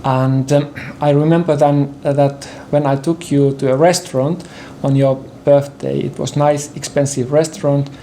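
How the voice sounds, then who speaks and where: Older man, Finnish accent, non-native English, halting, throat-clearing, gravelly, mellow tone. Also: on the high side, little pitch movement, slight background noise. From Finland. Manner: halting, careful, with many fillers and throat-clearing. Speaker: interview guest, partner in conversation. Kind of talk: personal conversation on a sofa. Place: indoor living room with bookshelves.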